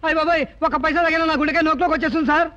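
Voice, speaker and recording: A man's voice: very high-pitched, fairly even intonation, rapid-fire, sharp tone. An actor playing a sly, quarrelsome male sidekick. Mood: bickering. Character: scheming, bickering male sidekick. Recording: muffled film soundtrack.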